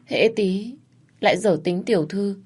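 A woman's voice: medium pitch, unhurried, a little mellow, breathy edge, pitched above the performer's own voice. A woman voicing a weak young wife who has just woken, speaking in a faint, feeble voice in a spoken story. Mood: weak, apologetic. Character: weak young wife after a suicide attempt.

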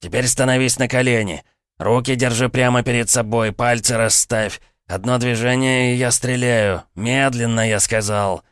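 A man's voice: medium pitch, fairly even intonation, fairly quick, no room sound, studio quality, voice pushed up, close to an everyday voice. A man voicing a vicious, jumpy armed bandit who snarls and barks orders in a storybook reading. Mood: cold menace.

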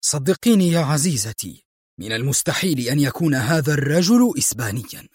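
A man's voice: on the high side, big pitch swings, a little fast, a little mellow, husky, no room sound, studio quality. Man reading an agitated, hot-tempered henchman. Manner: agitated, insistent. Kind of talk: audiobook narration.

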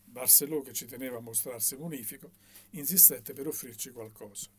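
A man reading a novel aloud in a measured, expressive way. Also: mid-range voice, husky. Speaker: audiobook reader.

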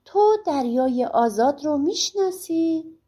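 A woman's voice: high voice, lively intonation, dark tone. A woman voicing an old fortune teller who hesitates and warns, in a storybook reading. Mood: warning. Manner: hesitant, warning.

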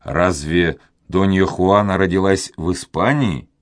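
A man's voice: measured pace, no echo, clean studio sound. A man voicing an impatient young caballero. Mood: urgent courteous. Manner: urgent, courteous, deep-voiced. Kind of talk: audiobook character reading.

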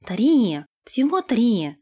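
A woman's voice: mid-range voice, animated, takes it slowly, darkish tone. A woman reading an audiobook, voicing a hot-tempered young man who can turn half cat, speaking brusquely.

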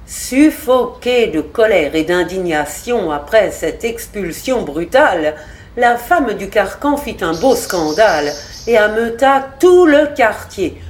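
A woman narrating a literary short story in a measured, expressive way. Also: medium pitch, a little hiss or hum.

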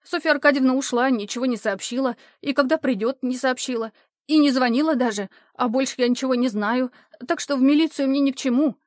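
A woman voicing a brash young girl who loudly insists on her own way in an audiobook. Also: high-pitched, brisk, no room sound, clean studio sound, natural voice. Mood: defensive. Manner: loud, insistent protesting.

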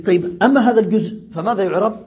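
A grammar teacher from Yemen with a high, very husky voice, pausing to ask if the class follows. The recording is dull and lo-fi. He repeats each example before moving on. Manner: asks checking questions, repeats examples.

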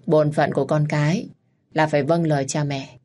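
A woman voicing a reserved, old-fashioned wealthy man who lectures calmly in an audio story. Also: deep voice, normal speed, lightly acted. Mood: lecturing. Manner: calm, lecturing.

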